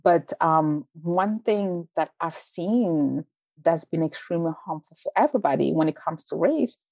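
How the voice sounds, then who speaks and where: A woman, from Belgium, speaking earnestly and in a measured way as an interview guest, often saying "like". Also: on the low side, lively intonation, vocal fry, a little mellow, dry recording, dull audio. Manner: earnest, measured, frequent "like" fillers. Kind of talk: interview conversation.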